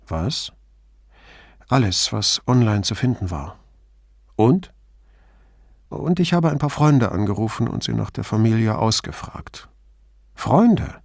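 A man's voice: lowish voice, lively intonation, takes it slowly, vocal fry, long pauses, dry recording, studio quality, full character voice. A man voicing a terse police commissioner who asks short, clipped questions in an audiobook. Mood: probing.

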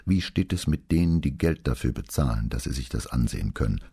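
A man playing a tired middle-aged police commissioner in an audiobook, speaking quietly and gently. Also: very deep voice, expressive, fairly quick, gravelly, slightly rough, full character voice. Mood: weary.

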